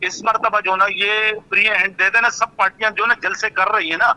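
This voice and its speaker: A man's voice: high-pitched, fairly even intonation, bright, forceful tone, low-quality recording. A male politician arguing insistently in a heated debate, repeating himself and talking over the host. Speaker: politician guest.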